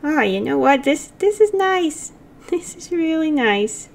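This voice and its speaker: A woman voicing a gentle, caring male pumpkin spirit patron in a tabletop role-play, with a soft, apologetic, reassuring way of talking. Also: a little high, a little slow.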